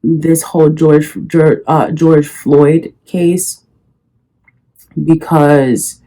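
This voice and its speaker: A woman's voice: deep voice, fairly even intonation, drawn-out words, warm tone. A young woman chatting casually to viewers while doing her makeup, calling them girl and child. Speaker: beauty vlogger. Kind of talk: casual makeup tutorial chat. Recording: faint music under voice. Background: faint background music.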